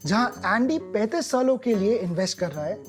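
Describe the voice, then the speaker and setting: A woman as a patient financial advisor in an animated explainer ad, walking through figures slowly and deliberately in mixed Hindi and English. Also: medium pitch, lightly acted. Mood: explaining. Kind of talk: explainer ad dialogue. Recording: light music behind.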